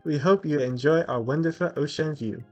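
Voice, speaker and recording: A man's voice: a little high, fairly quick, muffled recording, faint music behind. A man voicing a snooty male hotel assistant manager with a put-on French accent, formal and overly polite.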